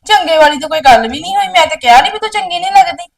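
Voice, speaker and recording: A woman's voice: very high voice, expressive, racing. A woman playing an exasperated elder sister, scolding her younger sibling in a village drama. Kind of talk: village short film acting.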